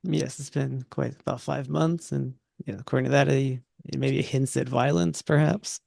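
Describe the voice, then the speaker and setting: A man running a tabletop horror game, speaking for a university official in a relaxed, conversational way. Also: mid-range voice, normal speed, creaky, dry recording, studio quality. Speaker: game master. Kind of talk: narrating and voicing characters in a tabletop game.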